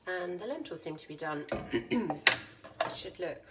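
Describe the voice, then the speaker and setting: A woman's voice: fairly low pitch, expressive, measured pace. A woman chatting to camera as she cooks at home, casual and self-deprecating. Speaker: home cook vlogger. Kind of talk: casual cooking demonstration. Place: home kitchen. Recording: distant camera mic, loud kitchen noise. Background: frying, sizzling and stirring noises.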